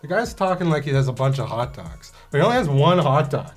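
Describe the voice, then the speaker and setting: Lively man leading a movie review. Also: a little high, fast. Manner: steers the talk, asks the group questions. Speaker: podcast co-host. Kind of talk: casual movie review chat.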